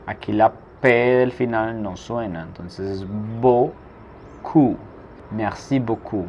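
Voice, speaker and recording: A man teaching a language lesson, asking a prompt and then saying each answer slowly twice. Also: fairly low pitch. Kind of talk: slow spoken drill lesson. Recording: dull lo-fi recording with faint noise.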